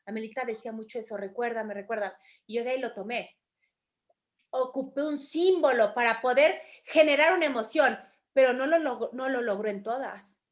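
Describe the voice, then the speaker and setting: A Mexican woman leads a spiritual study class, explaining ideas in a lively, expressive way. Her voice sits high and clear, and she acts out little quoted voices as she teaches. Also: fairly quick. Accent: Mexican Spanish. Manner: animated, acts out quoted voices, calls students affectionately. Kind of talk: teaching a course in an online group class.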